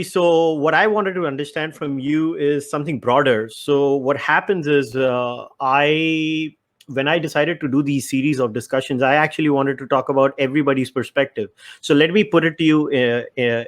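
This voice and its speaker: A man's voice: on the high side, normal speed, fairly bright tone. A man hosting a podcast interview, laying out his ideas step by step in an explanatory way. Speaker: podcast host. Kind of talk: casual interview.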